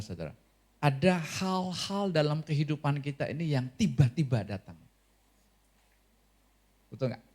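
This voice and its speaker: High-voiced lively Indonesian pastor. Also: male voice. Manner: lively, asks the congregation questions. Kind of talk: sermon.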